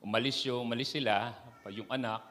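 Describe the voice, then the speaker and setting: A man recovering from a cough gives a sermon in a halting, self-deprecating way, full of fillers. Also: mid-range voice, steady tone, a bit bright, in a large hall. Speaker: church speaker. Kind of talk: Taglish sermon. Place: church hall.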